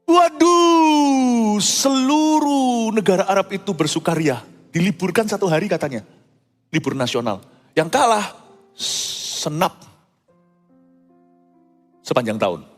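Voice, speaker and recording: Lively preaching man in echoing hall. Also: high voice, takes it slowly, pauses often. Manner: animated, joking and folksy. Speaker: pastor. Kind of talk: sermon. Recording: reverberant hall with faint music.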